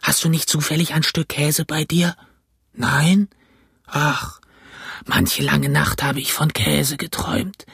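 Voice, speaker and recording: A man voicing a ragged, marooned old sailor in a storybook reading, with a hoarse, croaky, pleading voice. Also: on the high side, fairly even intonation, slow, fairly bright tone, no echo, studio quality, pitched above the performer's own voice, exaggerated voice. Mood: wheedling. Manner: raised, pleading and wheedling.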